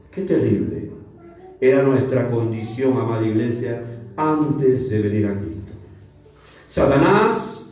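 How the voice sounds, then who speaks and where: A man's voice: mid-range voice, a little mellow. A man preaching a sermon as pastor, emphatic and repeating words for stress. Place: church. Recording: echoey church hall, mic far off, faint music.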